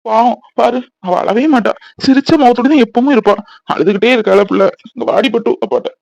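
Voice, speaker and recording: A man voicing a soft-hearted young father in a cartoon, who frets and pleads in a tearful way. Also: very high voice, a little fast, creaky, no room sound, muffled recording, full character voice. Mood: fretful. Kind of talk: cartoon voice acting.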